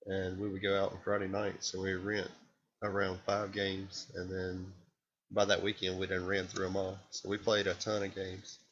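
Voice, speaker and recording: Low-voiced chill guy on a podcast, muffled lo-fi mic. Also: monotone, normal speed, fairly bright tone. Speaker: podcast co-host. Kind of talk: casual podcast chat.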